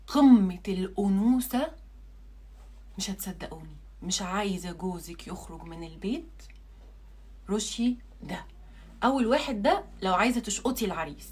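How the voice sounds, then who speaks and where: A young woman with an Egyptian Arabic accent, a beauty blogger selling perfumes in a casual vlog, talking in an animated, jokey way and repeating words for emphasis. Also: on the high side.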